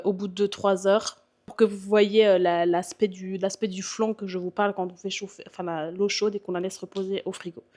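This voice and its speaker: A woman's voice: medium pitch, darkish tone. A young woman from Belgium with a Belgian French accent, chatting casually to her viewers from her apartment, full of fillers and restarts. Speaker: vlogger and bodybuilding coach. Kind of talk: casual chat answering viewer questions.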